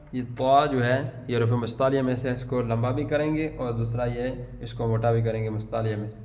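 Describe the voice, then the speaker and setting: A man teaching Quran recitation in a patient way, spelling out words slowly, syllable by syllable. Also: medium pitch, darkish tone. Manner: patient, drawn-out syllable-by-syllable drilling. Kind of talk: tajweed lesson, spelling out words. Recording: long hall reverb.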